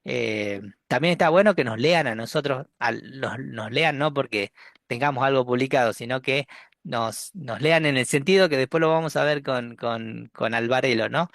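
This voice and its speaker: Teaching a university course through a video call, this man has a Rioplatense Spanish accent and a medium-pitched voice with a gravelly edge, recorded dry and close with no room sound. His manner is easygoing and jokey; he restarts phrases and tacks tag questions onto the end.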